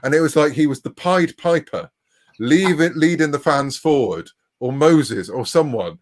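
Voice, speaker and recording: An interview guest from Bristol, England, speaks with an English accent in a casual, anecdotal chat. His voice is a little high and expressive at normal speed, and his humor is wry and self-deprecating.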